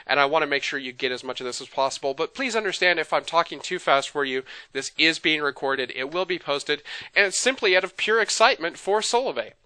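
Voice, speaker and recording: A man presenting an enthusiastic sales webinar, talking fast out of excitement and addressing the audience as folks. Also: a little high, clean tone, no echo.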